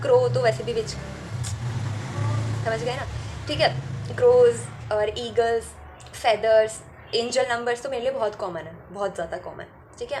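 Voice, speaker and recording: A woman telling a personal spiritual story in a casual, frank vlog, often dropping in a quick "okay" and laughing easily. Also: a little high, a little hiss or hum. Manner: laughs easily while talking. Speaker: spiritual content creator.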